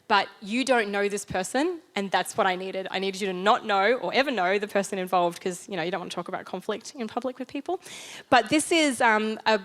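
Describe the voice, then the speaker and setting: A woman's voice: mid-range voice, fairly bright tone. A woman with an Australian accent giving a conversational sermon, telling a personal story in a chatty, self-deprecating way. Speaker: church speaker.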